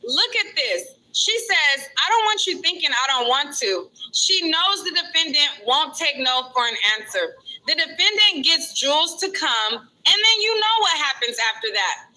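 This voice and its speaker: A woman's voice: high-pitched, big pitch swings, normal speed, sharp tone, rough recording. A woman streaming casual commentary from outside a courthouse, reading notes aloud and adding chatty asides. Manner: chatty, reads aloud then adds asides. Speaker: vlogger reporting outside a courthouse.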